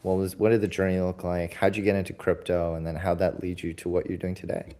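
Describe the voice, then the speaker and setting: Deep-voiced upbeat male podcast host. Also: little pitch movement, fast, mellow. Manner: upbeat, loose, filler-heavy. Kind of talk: casual livestream interview.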